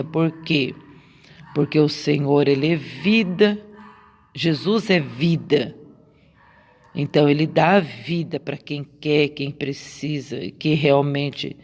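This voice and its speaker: A woman's voice: low voice, a little mellow. A Brazilian woman preaching a sermon, repeating her points with emphasis and asking rhetorical questions. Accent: Brazilian Portuguese. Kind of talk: sermon on a Bible story. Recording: long reverb.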